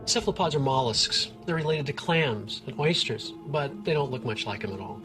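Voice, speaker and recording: Middle-aged man, scientist, nature documentary interview, enthusiastic, plain-spoken, mid-pitched, music behind. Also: expressive, moderate pace. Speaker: research scientist, expert interviewee. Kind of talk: informal explanation in a nature documentary.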